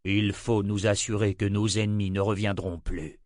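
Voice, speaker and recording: A man reading an audiobook, voicing an old prophet who speaks slowly and calmly. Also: on the low side, dry recording, clean studio sound, natural voice. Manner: slow, measured. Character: old male prophet, calm and measured.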